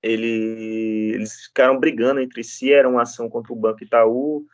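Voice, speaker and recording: A man's voice: medium pitch, flat delivery, normal speed, no echo. A man lecturing on law, telling stories from his practice with frequent tag questions and restarts. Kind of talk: classroom lecture with anecdotes.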